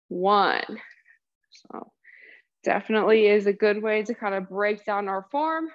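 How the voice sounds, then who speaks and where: A woman's voice: mid-range voice, lo-fi sound. A woman fitness coach giving workout cues and counting down sets, a little out of breath. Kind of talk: workout instruction. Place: exercise space.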